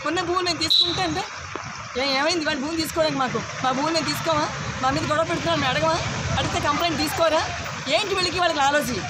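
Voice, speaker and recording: A high-voiced woman speaks out angrily in the street, rattling off one indignant question after another at a very fast pace. The recording is buried in loud traffic and street noise. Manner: angry, indignant, rapid rhetorical questions. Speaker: women's association president speaking to media. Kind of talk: street interview.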